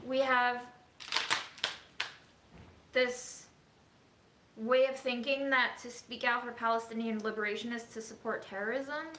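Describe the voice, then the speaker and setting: A woman's voice: fairly high pitch, fairly even intonation, measured pace, long pauses. A woman born in China talks earnestly and outspokenly in a casual cooking vlog from her home kitchen. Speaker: cooking vlogger. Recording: echoey room with faint noise.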